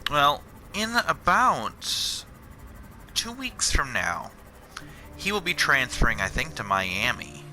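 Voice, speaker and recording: With a mid-range voice that swings widely in pitch, a young man talks slowly while gaming on his channel. He rambles about work, swears freely and leans sarcastic, all over game music.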